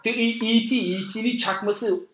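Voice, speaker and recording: A man's voice: high-pitched, fairly even intonation, normal speed, fairly bright tone, reverberant. A man chatting as a guest about old films, rambling with dry asides. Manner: dry, rambling film buff. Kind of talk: casual podcast chat.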